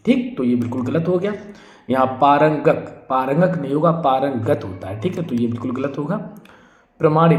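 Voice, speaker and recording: A man on the high side, with a darkish tone and roomy sound, runs Hindi spelling drills for exam preparation. Calling his students friends and brother, he repeats each word and answers the questions he asks.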